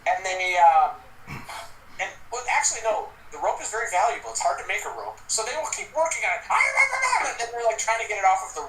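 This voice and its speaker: A man's voice: high-pitched, brisk, far from the mic, a little hiss or hum. Guy gm'ing a tabletop game, voice swoops all over, echoey room. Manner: animated, laughing, yelps creature cries. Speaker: game master.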